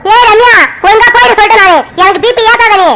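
A woman voicing an exasperated middle-aged mother in a cartoon family serial who scolds her daughter loudly. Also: very high voice, fairly even intonation, quick pace, very noisy. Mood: scolding. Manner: loud, scolding. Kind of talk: animated family serial voice acting.

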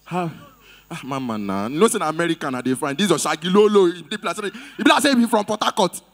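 A man's voice: a little high, animated, fast talker. A man with a Nigerian Pidgin accent doing live stand-up crowd work at an event, teasing audience members playfully. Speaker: comedian host at an event.

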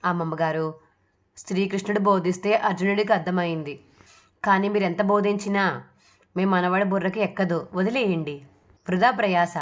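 A woman reading the part of a patient young wife who speaks softly and with resignation. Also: mid-range voice, moderate pace, pauses often, lightly acted. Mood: resigned.

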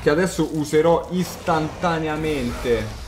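A man giving casual, excitable gameplay commentary, swearing and talking to his viewers. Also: a little high, measured pace, noisy background. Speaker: video game player commentating. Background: game music.

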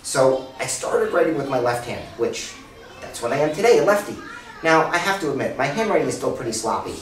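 A man telling a story about himself in a lively, self-deprecating way. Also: medium pitch, a little fast, far from the mic. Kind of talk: personal testimony. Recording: echoey room, away from mic.

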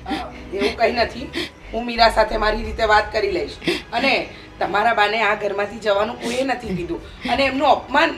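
A woman's voice: a little high, moderate pace, a bit bright, lightly acted. A woman with a Gujarati accent playing a scheming older mother-in-law who scolds and grumbles, in a short drama. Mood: placating.

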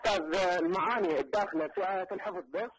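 Male student caller, rapid, hesitant, slightly high, tinny phone line. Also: husky. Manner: hesitant, asks questions. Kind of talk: phone call to a TV lesson.

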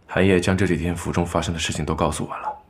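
A young actor playing a calm, reserved young nobleman who speaks in a steady, measured way in a period TV drama. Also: deep voice. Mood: serious. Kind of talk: dubbed TV drama dialogue.

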